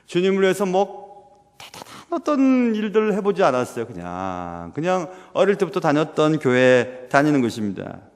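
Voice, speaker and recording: A young man preaching a sermon as pastor, earnest and full of rhetorical questions, sometimes dropping to a hush. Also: a little high, wildly swooping pitch, moderate pace. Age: young adult. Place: church sanctuary. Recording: long reverb of a church hall.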